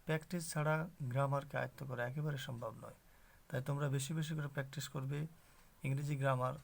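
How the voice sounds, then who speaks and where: A man's voice: medium pitch, gravelly. A man teaching an English grammar lesson to students, explaining step by step and asking rhetorical questions.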